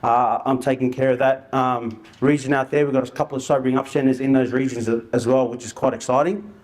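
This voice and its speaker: A man's voice: medium pitch, fairly even intonation, a little fast, a little mellow. A man giving an informal presentation as an outreach worker, telling stories in colloquial, slangy language. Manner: colloquial and anecdotal, with slang and re-enacted dialogue.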